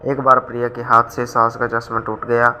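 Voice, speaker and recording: A man narrating a scripted moral story in an even, steady way. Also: medium pitch, normal speed, soft background music, poor audio.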